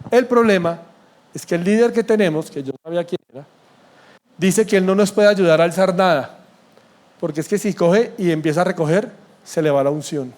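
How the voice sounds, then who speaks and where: A man's voice: sits high, a little fast, darkish tone. A male pastor preaching a sermon in church, emphatic and blunt, often throwing questions at the congregation. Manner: blunt and sarcastic.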